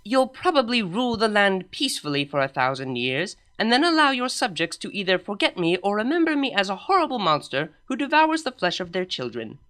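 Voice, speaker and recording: A woman's voice: medium pitch, very animated, a little fast, few pauses, a bit bright, pitched above the performer's own voice. A woman voicing a blunt, proud alicorn princess with a matter-of-fact, slightly pompous delivery. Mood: deadpan.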